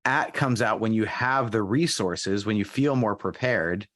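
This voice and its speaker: A man co-hosting a podcast, reading a scripted intro and then asking calm follow-up questions. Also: lowish voice, measured pace, dry recording. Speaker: podcast co-host and coach.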